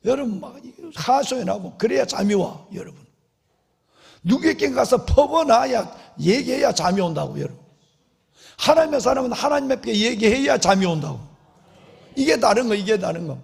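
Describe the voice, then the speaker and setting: Middle-aged male pastor, high gravelly voice, fervent preaching to the congregation, long church reverb. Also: animated, normal speed. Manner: impassioned preaching, often calling out to the congregation; acts out prayers and quotes in a dramatic voice. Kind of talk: sermon. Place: large church sanctuary.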